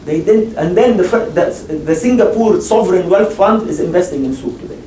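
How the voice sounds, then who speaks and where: Here a man speaks briskly in a high voice with a dark tone, well away from the microphone. During a panel discussion and audience Q&A on investing, held in a lecture hall, he hammers his points, repeats himself, and keeps restarting his sentences. Sound is echoey and picked up from afar, with a little faint noise.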